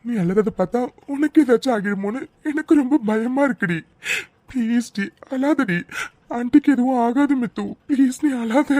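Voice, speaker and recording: Brief: protective young boyfriend in a cartoon, played by a woman, mellow, fairly high voice, gentle. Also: moderate pace, no echo, lightly acted. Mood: tender coaxing. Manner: coaxing, tender. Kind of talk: cartoon voice acting.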